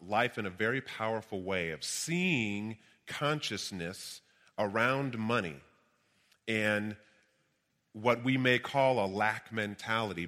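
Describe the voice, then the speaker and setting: A man's voice: fairly low pitch, a bit bright. A man preaching as a minister in an emphatic, exuberant motivational speaking style. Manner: emphatic, exuberant projected delivery. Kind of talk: motivational sermon with call-and-response affirmations. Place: large reverberant room, addressing a gathering. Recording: reverberant hall sound.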